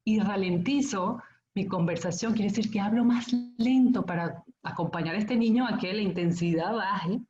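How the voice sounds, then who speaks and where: A middle-aged woman lectures parents in a calm, explanatory way, pausing to check that her listeners follow. The sound is roomy, as if she is speaking in a hall. The recording is a little dull and muffled. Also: mid-range voice. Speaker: school conference speaker.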